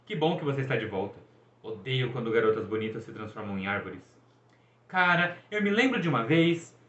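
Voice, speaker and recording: A man's voice: big pitch swings, fairly quick, fairly bright tone. A man voicing a cocky, boastful young male sun god in a showy, teasing manner. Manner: showy, teasing, high-spirited. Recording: echoey, dull room recording.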